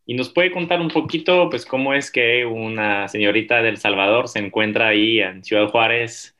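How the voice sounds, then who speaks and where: Courteous man with a bright voice. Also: medium pitch, normal speed. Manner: courteous, formal, with fillers. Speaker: interviewer, university professor. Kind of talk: formal interview. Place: Monterrey, Mexico.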